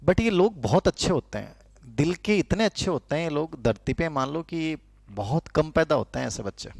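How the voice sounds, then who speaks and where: A man's voice: a little high, lively intonation, normal speed, vocal fry, dry recording. A middle-aged man, teaching a lecture in a conversational way and repeating key terms so students can write them down. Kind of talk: classroom lecture with dictation.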